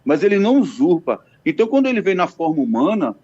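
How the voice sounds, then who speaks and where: A man's voice: on the high side, sing-song, quick pace, mellow, husky. A man calling in to a radio show over the phone, earnestly debating Bible verses with hesitant restarts. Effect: heard over a phone line. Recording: dull lo-fi phone call.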